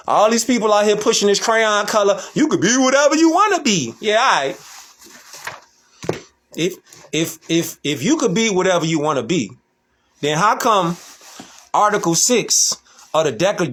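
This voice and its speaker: Guy ranting commentary, high voice, says stuff over and over, slangy. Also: fairly bright tone. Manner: emphatic and repetitive, in casual slang. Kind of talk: preachy commentary.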